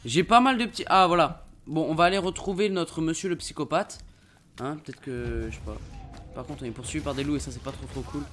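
A young man giving casual gameplay commentary, excitable, swearing and yelling when enemies attack. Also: on the high side, fairly quick, slight background noise. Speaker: let's play gamer.

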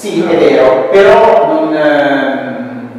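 A man in his thirties with an Italian accent talks through a technical presentation, pausing often on fillers and restarting his sentences. He is picked up from across a small room by a far mic, so his voice sounds distant, with a long, echoing tail and faint noise behind it. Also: on the high side, lively intonation, darkish tone. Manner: hesitant, many fillers and restarts. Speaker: meetup speaker. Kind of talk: technical talk with slides. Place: small meetup room with brick walls. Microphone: far room mic, no headset. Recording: echoey room recorded from afar, faint noise.

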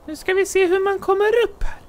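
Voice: extremely high pitch, fairly even intonation. A performer voicing a cheerful, childlike bear in let's play commentary, chirpily narrating its own actions as "we". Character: cheerful childlike bear, cozy and easily delighted.

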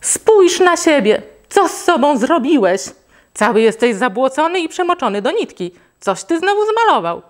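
A woman's voice: a little high, lively intonation, moderate pace, voice pushed up, natural voice. A woman reading aloud and voicing an exasperated mother scolding her son in a storybook.

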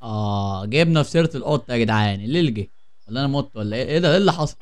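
A man's voice: mid-range voice, expressive, very fast. A young man with an Egyptian accent, joking and getting startled while he plays a horror game for his viewers. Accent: Egyptian Arabic. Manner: jokey, easily startled, chatty with viewers. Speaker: gaming channel host. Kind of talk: horror game let's play commentary.

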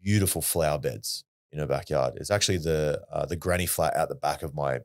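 A man's voice: extremely low pitch, a little fast, darkish tone. An Australian man, a podcast guest, telling a personal story in a blunt, earnest way and swearing freely. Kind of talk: casual storytelling.

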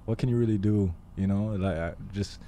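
A Haitian-born guest in his 20s chats in a casual interview on a living room podcast set, wearing headphones at a boom-arm studio mic. His deep, mellow voice is measured and halting as he thoughtfully pauses with fillers, and there's faint room hiss close on the mic.

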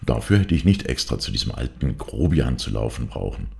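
Brief: a man playing an impulsive young piano pupil, low gravelly voice. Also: sing-song, fairly quick, dark tone, exaggerated voice. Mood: grumbling. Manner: snippy, pleading.

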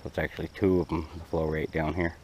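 Deep-voiced man vlogging outdoors. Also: level tone, fast talker, a little mellow. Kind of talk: casual outdoor vlog chat. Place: outdoors on an open rocky lakeshore. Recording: outdoor action camera, faint background noise.

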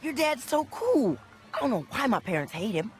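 Excitable kid, bouncy pitch. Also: female voice, a little hiss or hum. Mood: excited. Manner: excited, rapid. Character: excitable young boy sidekick.

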